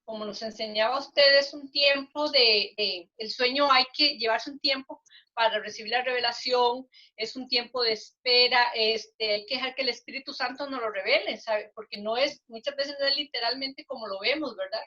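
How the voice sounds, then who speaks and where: Earnest older woman, high bright voice. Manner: earnest, halting, with many restarts. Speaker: guest sharing a testimony. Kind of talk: casual interview testimony. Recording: dull lo-fi recording.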